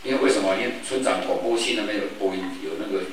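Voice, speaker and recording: An older man from Taiwan, telling stories at a public forum in a lively way and acting out the voices of the people in them. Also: fairly low pitch, racing. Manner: lively storyteller who acts out quoted voices. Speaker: forum speaker. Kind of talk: storytelling public talk. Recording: echoey hall, distant mic, background noise.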